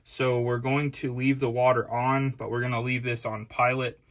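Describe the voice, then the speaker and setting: A man's voice: mid-range voice, flat delivery, moderate pace. A man hosting a do-it-yourself video, casually explaining each step of a repair in a basement utility room. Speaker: DIY HVAC video host. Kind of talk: casual how-to demonstration.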